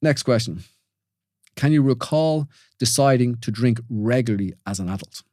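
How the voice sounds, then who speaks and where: An Irish man in his forties hosts a reflective solo podcast, talking things through informally with listeners, questioning, restarting often and frequently asking "you know?" His mid-range voice has lively intonation, a moderate pace and a slightly mellow tone, recorded with clean studio sound and no room sound.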